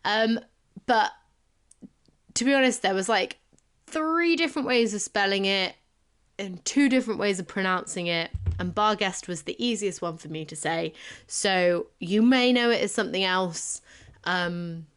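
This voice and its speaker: A young woman with a Bristolian accent chats her way through folklore notes as a podcast co-host. She giggles often, adds self-deprecating asides, and sounds deeply tired. Her pitch sits in the middle of the female range. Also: unhurried, a bit bright, clean tone. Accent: Bristolian English. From Bristol, England. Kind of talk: casual chat, presenting folklore research.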